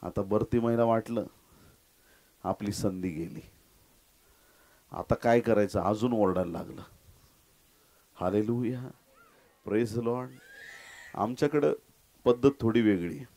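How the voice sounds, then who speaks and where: A man preaching a sermon as pastor, fervent and dramatic, swinging from loud, rising cries to hushed, low asides. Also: slow pace, long pauses.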